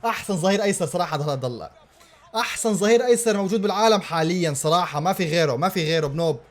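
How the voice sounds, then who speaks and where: A man reacting live to a football match, excitable and full of repeated exclamations. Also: high voice, very fast.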